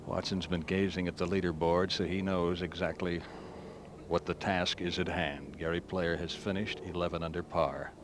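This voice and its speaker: Low-pitched male golf commentator, noisy broadcast. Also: little pitch movement. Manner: understated, brief phrases with pauses. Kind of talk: live golf tournament commentary. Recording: noisy 1970s outdoor TV broadcast.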